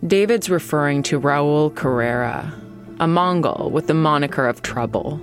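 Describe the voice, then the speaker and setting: An American woman hosting and narrating a scripted true-crime podcast in a measured storytelling way with deliberate pauses. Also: sits low, lively intonation, music in the background.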